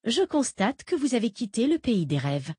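A woman reading the part of a fugitive woman FBI agent, calm, patient and quietly menacing. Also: fairly high pitch, moderate pace, breathy edge, dry recording, clean studio sound, pitched above the performer's own voice, heavily acted. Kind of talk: audiobook character reading.

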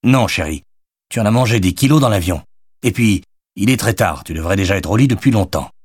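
A man reading an audiobook, voicing an exasperated, bossy father who scolds in a raised, brisk voice. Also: fairly low pitch, expressive, husky, no room sound, clean studio sound. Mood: gently firm.

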